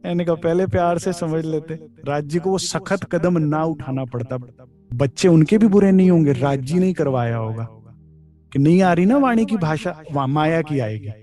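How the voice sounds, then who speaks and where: A man's voice: a little high, animated, normal speed, dark tone, faint music behind. A man giving a devotional discourse, quoting verses and explaining them with frequent chuckles. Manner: explains scripture, quotes verses, chuckles often. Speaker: spiritual speaker.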